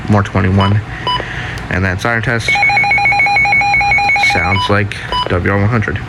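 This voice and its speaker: Speaking slowly in a lowish voice with fairly even intonation, a hobbyist casually presents the weather radios he collects. He is unscripted and rambling, fixing his own slips as he talks. The recording is very noisy.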